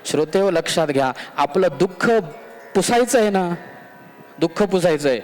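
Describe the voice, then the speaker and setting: High-voiced man preaching in an echoing hall. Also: animated, moderate pace. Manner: dramatic, addresses the listeners directly. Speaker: religious discourse speaker. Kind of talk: devotional storytelling sermon. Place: temple hall. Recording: long hall echo with soft music behind.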